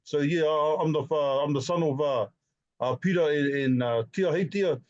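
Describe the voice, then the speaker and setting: Hesitant Māori New Zealand man, slightly high-pitched. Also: moderate pace, a little mellow, lo-fi sound. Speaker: participant introducing his family. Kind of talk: casual bilingual family introduction.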